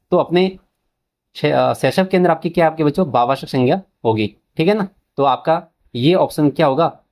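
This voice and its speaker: Man, a touch high-pitched, teaching exam prep, keeps asking questions and answering them himself. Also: a little mellow. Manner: asks questions and answers them himself, repeats key terms; addresses students as children, mixes English terms into Hindi. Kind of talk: exam-prep grammar lesson.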